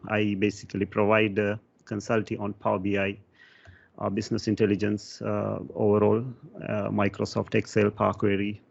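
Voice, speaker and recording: A man from Sri Lanka giving a technical conference talk, pausing often with fillers. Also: on the low side, creaky. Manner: hesitant, many fillers. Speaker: conference speaker. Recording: dull lo-fi sound.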